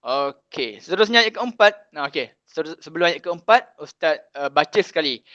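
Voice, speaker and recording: A man's voice: on the high side, animated, sharp tone, no room sound, lo-fi sound. A young Malaysian man teaching children Quran recitation, patiently drilling letter sounds over and over. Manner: patient, slow, repeats sounds and drills pronunciation. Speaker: religious teacher.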